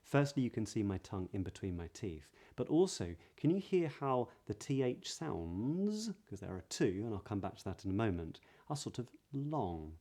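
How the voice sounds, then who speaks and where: Male voice coach, British accent, lowish pitch, soft mellow tone, measured explanatory lesson delivery with stressed key words. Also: very animated. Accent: British English. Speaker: voice coach, video host. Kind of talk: pronunciation lesson to camera.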